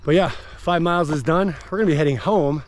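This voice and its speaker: A man's voice: on the high side, fast talker. An American man in his thirties chatting casually to viewers as a vlogger. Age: 30s. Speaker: vlogger and gym owner. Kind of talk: casual vlog chat. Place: outdoors on forest trail, later inside a car. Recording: clear outdoor and vehicle background noise.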